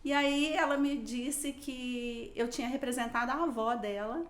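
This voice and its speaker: A woman's voice: high-pitched, steady tone, measured pace, roomy sound. A woman guest telling a personal story in casual conversation, animatedly quoting her own thoughts. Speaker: podcast guest.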